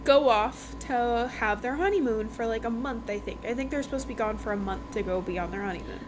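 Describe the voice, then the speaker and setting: Talking a little fast in a fairly high voice, a woman podcast host chats through a book review, informal and emphatic, with repeated phrases for effect. Background noise is audible.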